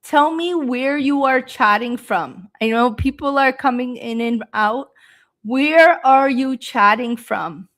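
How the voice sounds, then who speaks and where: A woman from Canada who teaches English, giving a live-stream speaking lesson with slow, patient explanations and frequent ums and uhs. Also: sits high, fairly bright tone.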